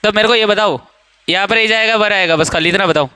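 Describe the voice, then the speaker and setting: Young male coaching-class teacher, high clear voice, playful and teasing with students, dry classroom sound. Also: a little fast, sharp tone, dry recording. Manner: joking, teasing students, quizzing them by name. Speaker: English teacher. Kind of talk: classroom grammar lesson.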